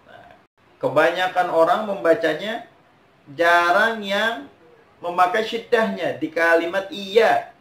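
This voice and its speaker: A man with an Indonesian accent teaching Quran recitation, chanting verses slowly and explaining mistakes. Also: sits high, a bit bright. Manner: slow, drawn-out chanting of verses between quick explanations. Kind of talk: step-by-step recitation lesson. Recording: roomy echo.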